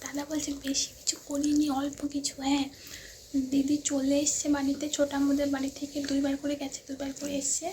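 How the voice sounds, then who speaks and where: A woman with a Bengali accent vlogging in a hushed, stumbling near-whisper. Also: high voice, monotone, a little fast, a little hiss or hum. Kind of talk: casual vlog narration.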